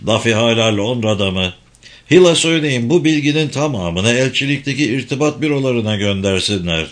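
A man's voice: medium pitch, expressive, brisk, natural voice. A man voicing a male intelligence deputy director who gives urgent, commanding orders in a spy audiobook.

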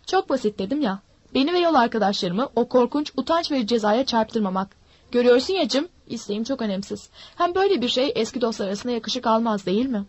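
A woman voicing a sly, menacing old male pirate who coaxes and threatens smoothly. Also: a little high, animated, fast, no room sound. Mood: sly coaxing. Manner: smooth-talking, mocking threats.

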